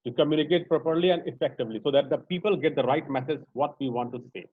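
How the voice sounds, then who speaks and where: A man leads an online voice training session, drawing the group in with questions. His voice sits a little high for a man. The call audio is dry and slightly muffled. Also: fast, slightly rough, no room sound. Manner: interactive, asks the group questions. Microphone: video call.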